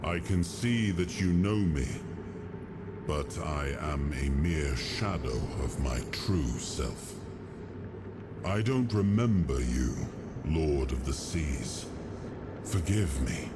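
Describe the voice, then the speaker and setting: Weary ghostly king for a fantasy game, deep voice, regal and solemn, noisy background. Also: lively intonation, slow, exaggerated voice. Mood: humble, searching. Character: weary spirit of fallen King Arthur, noble, incomplete. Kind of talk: dramatic video game acting.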